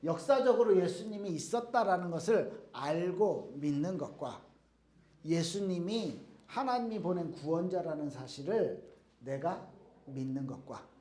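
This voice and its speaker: A man's voice: a little high, expressive, unhurried, mellow, reverberant. A man giving a casual youth sermon, telling stories in plain speech and acting out the quotes himself. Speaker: youth pastor. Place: church youth service room.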